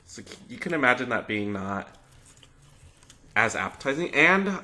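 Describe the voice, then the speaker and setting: A man chatting casually as a mukbang host, musing out loud in a loose, tentative way. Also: medium pitch, very animated, moderate pace, slight background noise. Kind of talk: casual chat over a meal.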